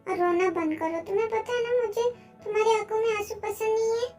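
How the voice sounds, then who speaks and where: A woman's voice: very high voice, steady tone, brisk, darkish tone, soft background music. A woman voicing a young man who is a grumpy, curt but tender boyfriend in a fan-dubbed story. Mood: soothing.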